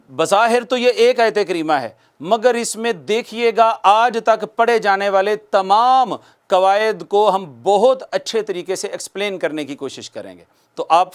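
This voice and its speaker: A man with a high, smooth, resonant voice giving a televised recitation lesson. He draws out each verse word slowly, then explains the rules. He asks his viewers questions and answers them himself. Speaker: Quran recitation teacher. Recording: studio broadcast.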